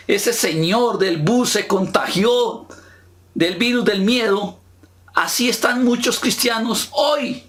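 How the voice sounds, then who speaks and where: A male pastor delivers a sermon in a notably high voice. He speaks slowly and deliberately, leaning on rhetorical questions to the congregation. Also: fairly bright tone. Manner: slow, emphatic preaching with rhetorical questions to the congregation.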